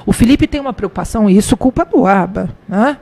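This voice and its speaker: A middle-aged woman, a guest telling stories about her son in a relaxed conversation and acting out the dialogue. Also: fast talker. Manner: recounts events by acting out dialogue, animated pitch jumps. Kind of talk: conversational storytelling.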